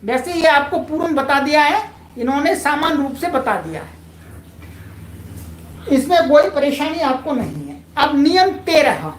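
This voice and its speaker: A woman's voice: high-pitched, animated, a little slow, echoey room, slight background noise. A woman teaching a Sanskrit grammar lesson online, patient and polite, repeating key points to her viewers.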